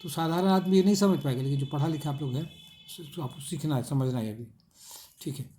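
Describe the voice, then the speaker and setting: A man teaching grammar in a classroom lesson, explaining in Hindi and reading example sentences aloud slowly, with heavy stress. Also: a little high, warm tone, faint music behind. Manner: slow, reads English examples aloud in drawn-out, stressed words.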